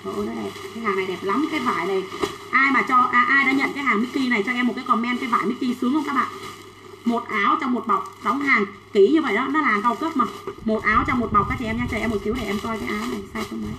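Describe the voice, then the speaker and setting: A woman selling children's clothes on a livestream, chatting quickly and reading out sizes and buyers' names. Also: fairly high pitch, reverberant, background noise. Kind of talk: fast livestream sales pitch.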